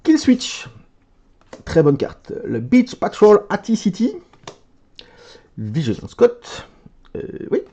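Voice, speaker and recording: A man chatting casually as he opens card packs for his video, letting out excited exclamations over each card. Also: sits high, slow pace, long pauses, slightly rough. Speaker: card game video creator. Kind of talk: casual card pack opening commentary.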